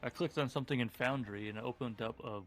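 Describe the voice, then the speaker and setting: A man's voice: medium pitch, fast. Guy running a tabletop game on a voice call, casual and laughy, faint music behind. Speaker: game master. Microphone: home computer mic on a voice call.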